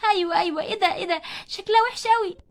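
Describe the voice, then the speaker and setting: A woman's voice: very high voice, rapid-fire. A woman voicing sneering schoolgirl bullies. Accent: Egyptian Arabic. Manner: sneering, mocking. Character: mean, gossiping schoolgirl bullies.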